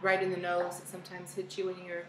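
A woman's voice: lowish voice, completely flat delivery, fast, roomy sound, slight background noise, low-quality recording. A bubbly, giggly woman co-hosting a casual whiskey tasting chat in a bar's party room. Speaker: co-host.

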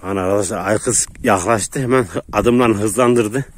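A man's voice: lowish voice, moderate pace, a little hiss or hum. Chatty man coaxing dogs outdoors. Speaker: dog owner vlogger. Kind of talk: casual vlog narration while handling dogs. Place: outdoors in rural countryside.

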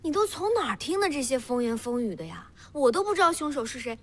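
A woman's voice: high-pitched, very animated, fast. An actress playing a young noblewoman in a costume drama, composed and firm, with a formal, admonishing way of talking. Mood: reproving.

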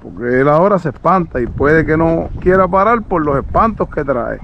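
A man with a slightly high voice talks viewers through training a young horse on an open road, his delivery calm and patient. Between explanations he murmurs short soothing commands to the animal, and faint outdoor noise sits behind him. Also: normal speed, creaky, muffled recording.

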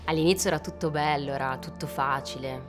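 A woman's voice: deep voice, quick pace, over music, lightly acted. A woman playing a former activist turned consultant in a mockumentary interview, speaking in a reflective, nostalgic way.

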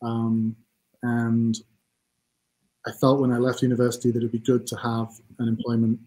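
A Mancunian man in his forties speaks as an interview guest over a webcam call. His voice is dark and mellow, and he talks casually, hesitantly and with self-deprecating asides. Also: mid-range voice, completely flat delivery, moderate pace, rough recording. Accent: Mancunian English. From England. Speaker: CEO guest. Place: home office room. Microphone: video call webcam.

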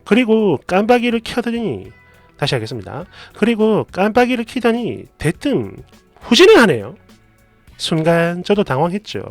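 Lively, chatty story narrator. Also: medium pitch, normal speed, no echo, faint music behind. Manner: lively, chatty, adds asides and comments. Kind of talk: casual narration of a reader's story.

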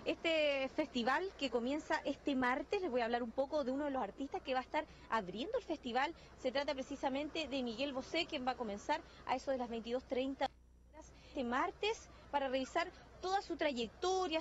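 A woman in her thirties delivers a live news report on a beach, talking through a handheld microphone. Her voice sits high and light, and her pace stays quick and upbeat. The audio has a slightly muffled broadcast tone and a faint noise floor. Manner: brisk, upbeat, many questions. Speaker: field reporter. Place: sunny beach outdoors.

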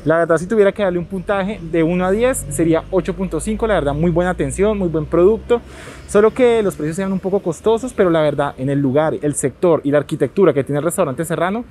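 A man's voice: high voice, fast talker, a little mellow. A young man talking through a face mask, casually vlogging about a trip from Colombia and enthusiastically touring a restaurant and the city streets. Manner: enthusiastic, leans on filler phrases. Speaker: travel vlogger. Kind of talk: casual travel vlog. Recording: crowd noise around the speaker.

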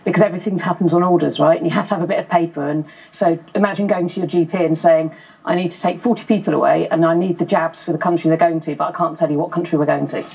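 A woman in her thirties, an RAF Police officer, speaking as a guest in a TV studio interview. She talks in a brisk, matter-of-fact way into a lapel mic. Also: fairly low pitch, steady tone, gravelly, darkish tone, slightly rough, rough recording. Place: TV studio sofa.

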